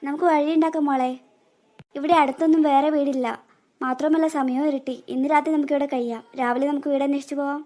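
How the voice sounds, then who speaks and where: A woman voicing a kind older sister in a cartoon, gentle and soothing toward her little sister. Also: sits high, steady tone, quick pace, close to an everyday voice. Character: kind protective older sister, young girl.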